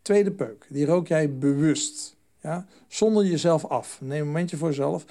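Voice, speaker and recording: Animated man coaching a group. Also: a little high, measured pace. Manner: animated, acts out voices and phone calls. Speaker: stop-smoking trainer. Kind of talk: lively talk to a group.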